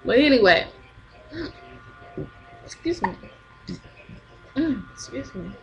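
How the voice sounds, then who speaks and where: A woman's voice: fairly high pitch, expressive, slow, noisy background. A young woman tells viewers a story in a casual, chatty vlog, laughing often. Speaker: vlogger.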